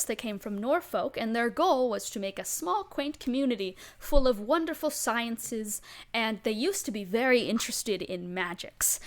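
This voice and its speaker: A woman with a highish voice narrates a tabletop game as its game master. She improvises playfully and is prone to giggling.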